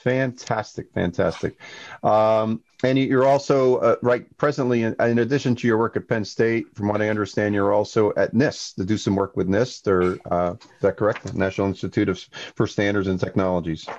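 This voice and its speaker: An upbeat man hosting a webinar and interviewing his guest. He uses many fillers and often calls things fantastic. His voice is fairly low, and the audio sounds dull and lo-fi. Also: steady tone, moderate pace, darkish tone. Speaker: webinar host.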